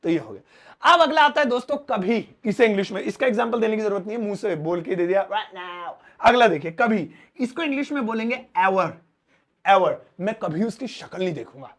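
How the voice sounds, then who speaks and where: A man with a high-pitched voice teaches spoken English. He is animated and acts out little student lines. He slows right down when he spells out the English phrases.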